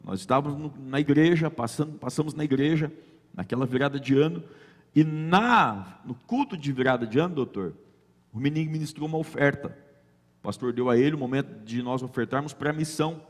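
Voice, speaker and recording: A man's voice: medium pitch, a little fast. A man telling a personal faith testimony as a guest, acting out the dialogue in his story. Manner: lively storyteller who acts out quoted dialogue. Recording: long reverb.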